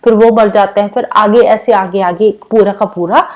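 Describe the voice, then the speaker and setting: A woman's voice: medium pitch, fairly even intonation, moderate pace, darkish tone, muffled recording. A woman teaching an exam-prep geography lesson in Hindi mixed with English terms, asking questions and answering them herself. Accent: Indian English loanwords in Hindi. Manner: explanatory, asks and answers own questions.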